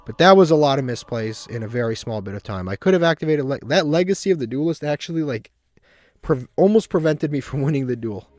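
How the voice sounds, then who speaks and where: Monotone man with a slight cold. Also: mid-range voice, quick pace, dry recording. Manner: monotone, self-described; rambling with frequent restarts. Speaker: gaming video host. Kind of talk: casual gameplay commentary.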